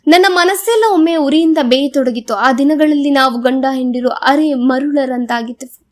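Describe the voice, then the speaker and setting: A woman narrating a novel as an audiobook in a measured, solemn reading. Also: high-pitched. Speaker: audiobook reader. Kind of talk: scripted narration.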